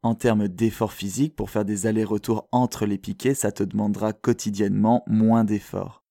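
A man from France with a French accent, hosting a podcast in a calm, reflective, measured way, as scripted narration. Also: on the low side, creaky, no room sound, clean studio sound. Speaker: podcast host.

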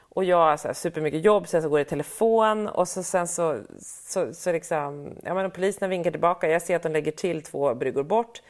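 A middle-aged woman, telling a story in casual chat and acting out other people's lines with big jumps in her voice. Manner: animated storyteller, acts out quotes with big pitch jumps. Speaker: podcast co-host telling a story.

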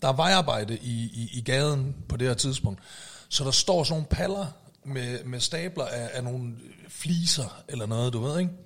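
Guy spinning a wild story on a podcast, acts out the shouting, mid pitch. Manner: animated, acts out shouted quotes. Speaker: podcast host telling a story. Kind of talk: casual storytelling chat.

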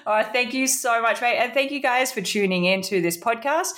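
A woman's voice: fairly high pitch, moderate pace, fairly bright tone. A woman hosting a podcast, trading dad jokes in playful, giggly casual chat. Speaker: podcast host.

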